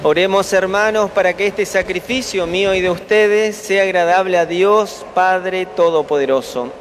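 Priest, male. High-pitched, formal delivery of prayers, ringing in a big echoing cathedral. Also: moderate pace, over music. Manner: solemn, formal. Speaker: priest celebrating Mass. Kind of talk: liturgical prayer, read solemnly. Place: large stone basilica during Mass. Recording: echoing cathedral, noisy, from far off.

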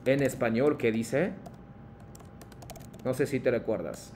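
A man leads an online class in a patient, steady way at an everyday pitch. He calls on students one by one. A faint low rumble hums behind him. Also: slow. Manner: patient, calls on students by name, mixes Japanese prompts into Spanish explanations. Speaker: Japanese language teacher.

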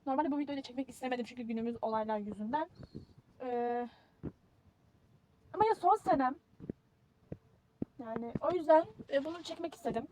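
A woman's voice: high voice, darkish tone, slight background noise. A young woman, rambling and teasing herself as she films a casual packing vlog. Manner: chatty, rambling, self-mocking. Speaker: vlogger.

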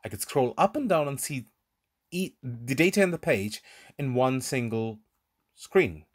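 A man's voice: mid-range voice, lively intonation, unhurried. A man narrating a screen recording tutorial, explaining step by step in an informal way. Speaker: tutorial presenter. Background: voice-over on a screen recording.

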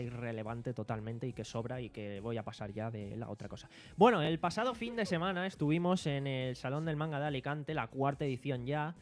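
A man's voice: medium pitch, darkish tone. A young man with a Spanish accent hosting a casual podcast from a living-room studio, rambling and joking at his own expense. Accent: Spanish from Spain. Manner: rambling, joking, self-mocking. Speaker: podcast host and sound technician. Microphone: desk microphone on stand.

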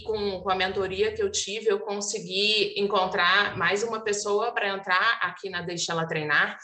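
A woman founder explains her plans calmly on a video call. Her voice is lowish yet bright and forward. The sound is roomy and a little off-mic. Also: far from the mic. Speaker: founder of a sportswear brand. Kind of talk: answering questions at a demo day. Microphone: video call with earphones.

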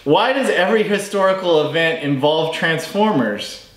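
A man's voice: on the high side, lively intonation, moderate pace. A tipsy man in his thirties co-hosting a comedic movie review, posing questions. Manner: tipsy from drinking during the review. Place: small indoor bar-style set with brick wall. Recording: echoey room, clearly noisy background.

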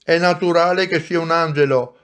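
God, loving, firm and reassuring, a bit louder, man reading a storybook. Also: on the high side, steady tone, moderate pace, pitched above the performer's own voice, lightly acted. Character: God, loving and all-knowing.

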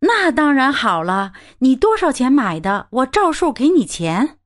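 A woman voicing a bustling widowed landlady with a thin, high voice in an audiobook. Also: big pitch swings. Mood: flustered polite. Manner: high, quick, eager.

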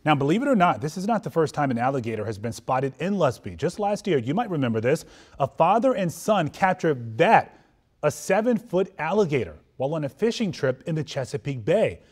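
A man reading a local news story as anchor, with crisp, emphatic delivery. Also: a little high, very animated, brisk.

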